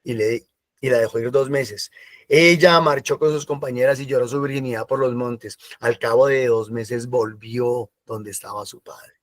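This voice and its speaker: A man's voice: medium pitch, fairly even intonation, moderate pace, no echo, studio quality. A man giving a sermon in a conversational style, slipping into quoted voices. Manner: conversational preaching with acted asides and quoted voices. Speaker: preacher.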